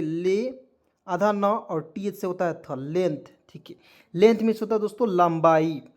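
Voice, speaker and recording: A man's voice: high-pitched, darkish tone. A man teaching English vocabulary. He spells every word out letter by letter, says it over several times and keeps quizzing his viewers in a patient classroom manner. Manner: spells words letter by letter and repeats them often; keeps asking questions of the viewers.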